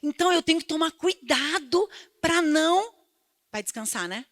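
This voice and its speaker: A middle-aged Brazilian woman pastor giving an animated sermon, swinging between loud emphasis and hushed asides. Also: sits high, normal speed. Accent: Brazilian Portuguese. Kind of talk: lively sermon with storytelling.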